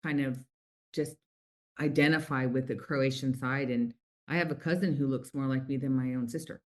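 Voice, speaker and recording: The lip color company founder being interviewed here, a middle-aged woman from the U.S., has an extremely low, fairly even voice and a moderate pace. Her storytelling is warm and chatty, heavy on fillers, in a casual back-and-forth.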